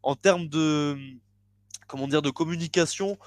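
Man, halting casual podcast talk. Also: on the high side, no room sound. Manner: halting, many restarts and fillers. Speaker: podcast co-host. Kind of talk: casual chat about boxing.

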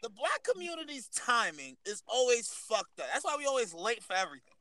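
A man co-hosting a casual podcast, telling a story in an animated way with lots of profane slang. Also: extremely high pitch, a little fast, a loud crowd, rough recording. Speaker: podcast co-host. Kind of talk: casual heated chat.

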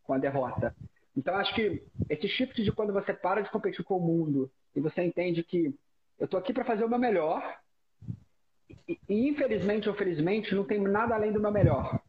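A Brazilian man with a broken nose speaking as a guest in a casual, reflective conversation, in a halting way that often repeats words and phrases. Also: high-pitched, expressive. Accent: Brazilian Portuguese. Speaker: interview guest. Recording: dull audio with background noise.

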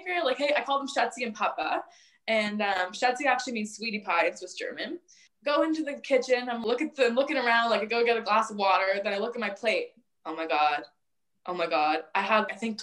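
A woman's voice: a little high, fast talker. Young woman, podcast guest, loose casual storyteller, lots of "like," acts out voices. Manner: animated, filler-heavy, acts out quoted voices.

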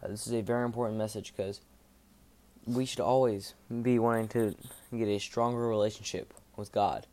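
A man speaking in a monotone, giving a casual devotional podcast talk in an informal, rambling way with halting self-corrections. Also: on the low side.

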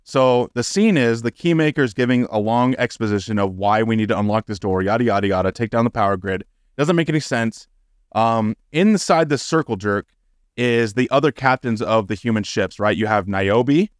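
A man co-hosting a chatty podcast who swears constantly and works himself into high, exasperated rants. His voice sits in a middle register and is recorded dry and close, with no room sound. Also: normal speed, clean tone, dry recording. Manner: profane, ranting, gets loud and high when exasperated. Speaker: podcast co-host. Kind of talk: casual podcast chat.

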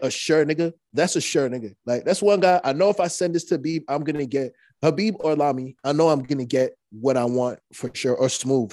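With a fairly high pitch, this young man speaks over a dry, clean studio recording. He's a rapper guest in a casual storytelling interview, relaxed and rambling, frequently restarting and filling gaps with fillers.

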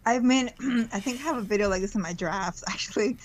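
A woman's voice: mid-range voice, fairly quick, rough recording. A woman in her twenties, a podcast guest, speaking reflectively and hesitantly, with many ums and restarts. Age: 20s. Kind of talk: casual conversational interview.

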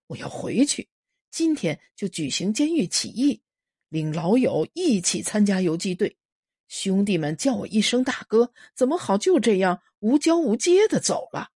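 A woman tells a story in a calm, measured way. Her voice is breathy and lively in pitch. The recording is close and dry. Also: no room sound. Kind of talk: storytelling narration.

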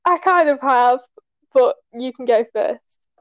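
A woman guest chatting on a podcast, giggling and playing herself down. Her voice is high and sounds close and dry. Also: slow pace, no room sound, muffled recording. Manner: self-deprecating, giggly. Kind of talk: casual chat.

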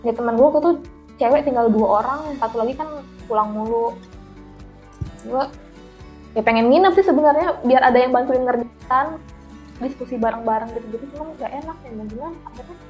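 A woman's voice: on the high side, a little mellow. A young woman, casually telling her story in slangy talk and laughing often as an interview guest.

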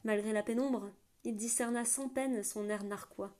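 A woman narrating a fantasy audiobook in a measured, soft storytelling manner. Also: on the high side, steady tone.

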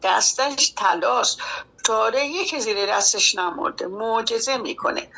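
Brief: fatherly army commander in a storybook, read by a woman, bright gravelly voice, husky edge. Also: fairly high pitch, exaggerated voice. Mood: moved. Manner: fatherly, emotional. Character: kindly middle-aged male front commander. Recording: dull lo-fi recording.

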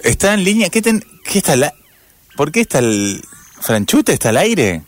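A man's voice: fairly high pitch, big pitch swings, normal speed, dry recording. A man with a Rioplatense accent hosting a radio show in a casual chat, reading out listener messages. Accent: Rioplatense Spanish. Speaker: radio host.

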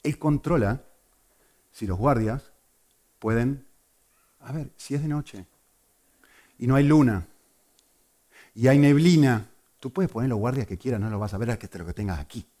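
A man from Argentina with an Argentine Spanish accent, preaching a sermon in an animated way and asking his listeners questions. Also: mid-range voice, a little slow, pauses often. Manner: animated, asks the audience questions.

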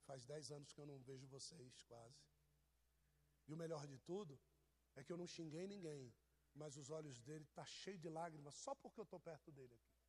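A high-pitched man delivers a loose, chatty sermon. He teases and jokes with people in the pews as he preaches. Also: moderate pace, darkish tone, slight background noise. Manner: teasing, jokey, addresses people in the pews. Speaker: pastor. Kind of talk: informal sermon to a congregation.

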